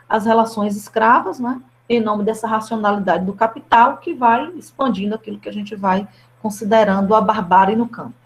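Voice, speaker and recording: A woman's voice: mid-range voice, rough recording. Hesitant woman giving an academic talk. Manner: hesitant, many fillers and restarts. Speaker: researcher presenting to a study group. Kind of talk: academic presentation.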